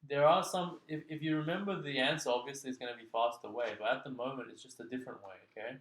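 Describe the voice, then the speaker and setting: A man's voice: medium pitch, fairly even intonation, fast. A man tutoring a child in maths one-on-one, explaining patiently and checking in with frequent "okay?"s. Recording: echoey room.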